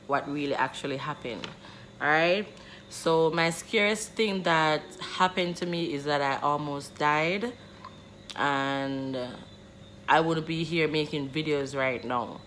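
A woman's voice: low-pitched, slow pace, a bit bright, slight background noise. A woman in her twenties vlogging casually to her phone camera in a small bedroom, chatty and rambling, often calling her viewers "guys". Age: 20s. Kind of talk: casual vlog talking to camera. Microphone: phone camera close up.

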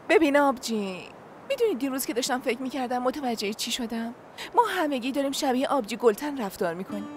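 A frank young sister. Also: female voice, high-pitched, lively intonation, slight background noise. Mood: earnest. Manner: earnest, frank, teasing. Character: young woman confiding in her older sister. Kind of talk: Persian dub of a TV drama. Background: music score.

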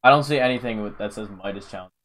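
A man's voice: lowish voice, fast, a bit bright. A young man casually live-streaming a game, rambling to his chat with lots of fillers, calling out viewers' names and saying "bro".

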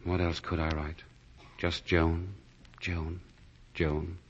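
Deep-voiced lovesick man, hesitant, dull old radio sound. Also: little pitch movement, slow pace, slightly rough, full character voice. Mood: tender. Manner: earnest, hesitant. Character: secretive lovesick man hiding bad news. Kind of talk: 1940s radio acting. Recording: dull 1940s broadcast with music underneath.

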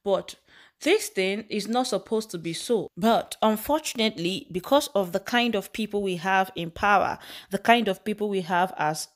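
A woman's voice: medium pitch, moderate pace. A Nigerian woman hosting her channel, reading news and then giving impassioned commentary full of rhetorical questions and fillers. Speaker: channel host.

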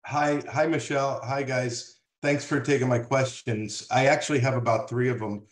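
A man's voice: mid-range voice, fairly even intonation, normal speed. Hesitant man in an echoey room. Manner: hesitant, polite, curious. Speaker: caller asking questions. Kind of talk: casual question on a video call.

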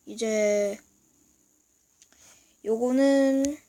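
A woman giving a casual video lesson, explaining slowly and haltingly and often clearing her throat. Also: fairly high pitch, fairly even intonation, dark tone. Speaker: language teacher. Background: noise from outside.

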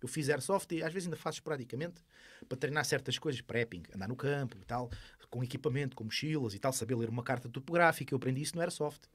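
Fast-talking Alentejo Portuguese man. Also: mid-range voice, husky, no echo. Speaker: podcast guest, sport shooter. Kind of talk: casual interview talk. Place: small foam-padded podcast studio. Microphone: close studio podcast microphone.

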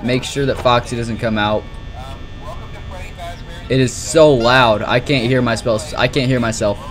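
Faint music sits under this young man's medium-pitched, fairly even voice as he speaks at a measured pace. A gaming streamer, he gives loose, rambling live commentary on a horror game, nervous, exclamatory and sometimes profane.

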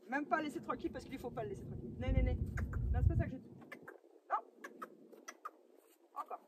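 A woman training a horse outdoors, giving short coaxing commands and soothing it, often in a hushed voice, picked up by a camera at a distance. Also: sits high, a little fast, heavy background noise. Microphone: camera mic at a distance.

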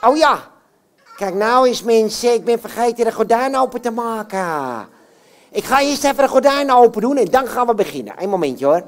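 A woman plays a cheeky male puppet hero who boasts and chats with the crowd in a live puppet show. His pitch swoops up and down with a lively bounce, and he never stops talking to the audience. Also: normal speed, natural voice. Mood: chatty. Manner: chatty, talks straight to the audience, boastful.

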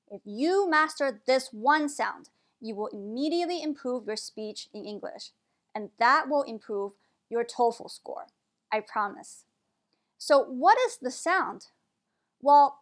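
Slow, high-voiced woman teaching pronunciation. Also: a bit bright. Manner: carefully modeled pronunciations. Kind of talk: slow, clear lesson delivery.

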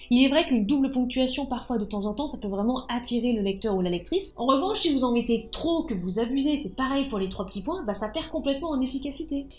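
A woman's voice: on the high side, a little mellow. A woman giving a casual tutorial on typography rules for writers, chatty and emphatic, dropping frequent fillers as she explains. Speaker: writing coach. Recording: echoey room with faint music.

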